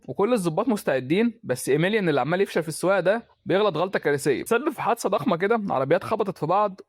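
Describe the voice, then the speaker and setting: An Egyptian man races through a film plot at breakneck speed, his voice sitting high for a man. The sound is close and dry, with no room around it. He keeps it chatty, tossing in casual asides as he goes. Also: no room sound. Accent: Egyptian Arabic. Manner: rapid, chatty storytelling with colloquial asides. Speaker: film recap narrator.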